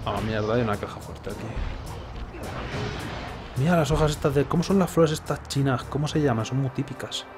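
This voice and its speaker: Spanish-accented man, wry joking game streamer, mid-range voice, loose rambling delivery, soft music behind. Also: mid-range voice, a little fast, pauses often. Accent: Spain. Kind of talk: casual live gameplay commentary. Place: indoors, streaming setup. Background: game music and effects.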